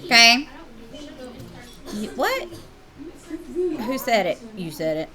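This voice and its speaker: A woman's voice: on the high side, big pitch swings, slow pace, pushed and bright, faint music behind. A woman teacher, leading a classroom math lesson and playfully teasing her students.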